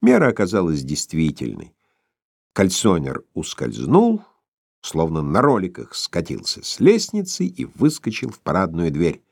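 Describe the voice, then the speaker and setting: Expressive male audiobook narrator. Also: low voice, normal speed, creaky, no room sound, studio quality. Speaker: audiobook reader. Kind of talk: scripted narration.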